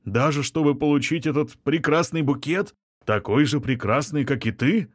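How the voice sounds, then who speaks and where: A man's voice: fairly high pitch, normal speed, no echo, voice pushed up, natural voice. Guy acting out a clingy middle-aged musician, whiny and pushy, with a nasty edge. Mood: wheedling. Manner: wheedling, offended, turning menacing. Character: middle-aged male violinist, pushy, spiteful suitor. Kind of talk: audiobook character reading.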